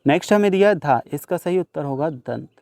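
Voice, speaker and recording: This is a young man with a slightly high voice, teaching a workbook lesson and walking through each answer one at a time. He talks straight to his students, and the recording is dry and close, with no room sound around him. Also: lively intonation, fairly quick, darkish tone, dry recording. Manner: patient, explains each answer in turn, addresses students directly.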